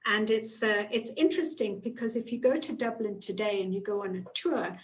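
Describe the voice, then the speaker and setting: A woman's voice: medium pitch, fairly quick, a little hiss or hum. A middle-aged woman giving an online guided travel presentation in a chatty way, with frequent fillers and restarts. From not from Canada, moved there in the nineties.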